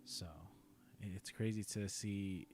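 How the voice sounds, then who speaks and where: Easygoing young man with stammering repeats. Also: lowish voice. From San Diego, United States. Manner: relaxed, halting speech with repeated words. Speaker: host. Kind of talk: casual chat on a live stream.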